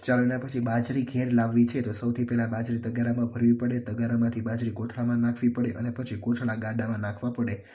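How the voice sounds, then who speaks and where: Male teacher, steady plain reader, mid pitch, dark mellow tone. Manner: steady, plain reading, slowing for rhymes. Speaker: teacher going over a workbook. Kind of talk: reading out workbook answers.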